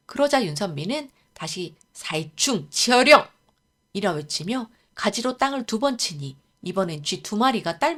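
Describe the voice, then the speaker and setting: A woman narrating a scripted folktale in a calm storytelling manner. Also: medium pitch.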